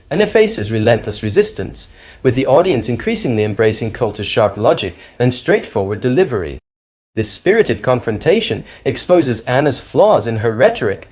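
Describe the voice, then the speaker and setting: A man's voice: medium pitch, a little mellow. Opinionated man reading scripted commentary. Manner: opinionated, declamatory. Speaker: commentary narrator.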